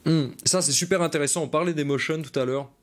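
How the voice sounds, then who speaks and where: A man's voice: a little high, fast talker. A man coaches viewers through football film in a live stream, in an easy, chatty way. He repeats his key points and stops now and then to answer viewer comments. He speaks close to a desk mic at his computer.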